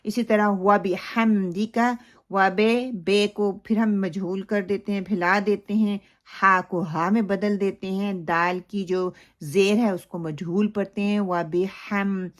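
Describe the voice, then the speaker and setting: A woman giving a recitation lesson. She speaks at a mid pitch, explains each sound patiently and then recites the phrase in long, drawn-out syllables. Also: steady tone. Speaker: Quran recitation teacher.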